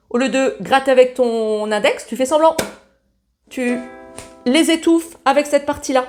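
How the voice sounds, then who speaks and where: A woman giving a casual ukulele lesson, talking in a chatty, familiar way while strumming along. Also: on the high side. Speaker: ukulele teacher. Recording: loud ukulele playing along.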